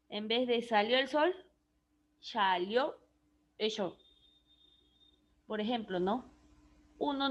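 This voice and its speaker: High-voiced woman teaching a class. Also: dull audio. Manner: explanatory, checks understanding with frequent "¿ya?". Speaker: speech therapy teacher. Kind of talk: online class lecture.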